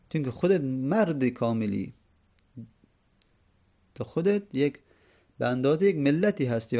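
A man's voice: on the high side, gravelly, dark tone. A man teaching a lecture on classical poetry, explaining each verse line by line and asking his listeners rhetorical questions.

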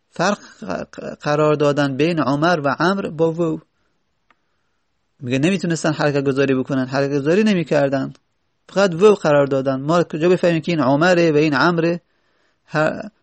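Male teacher, slightly high, gravelly voice, reads Arabic phrases and explains them patiently. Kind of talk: seminary classroom lecture.

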